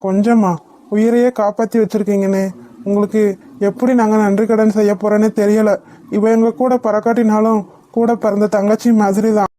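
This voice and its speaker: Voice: mid-range voice, flat delivery, moderate pace, warm tone, no room sound, close to an everyday voice. A voice actor playing a grateful, protective young man in a cartoon, speaking with earnest feeling. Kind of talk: cartoon voice acting.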